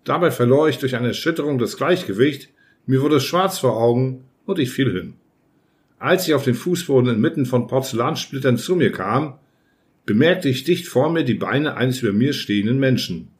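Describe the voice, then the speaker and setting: A man narrating an audiobook with a measured, storytelling delivery. His voice sits in an ordinary middle pitch. The reading is scripted and evenly paced. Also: lively intonation. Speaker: audiobook reader.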